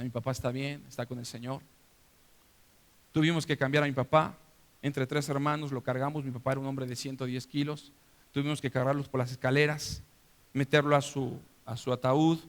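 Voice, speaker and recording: A man's voice: mid-range voice, big-room sound. A middle-aged Mexican man, a pastor, preaching a personal testimony with emotion, acting out family voices. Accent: Mexican Spanish. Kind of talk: sermon testimony. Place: church.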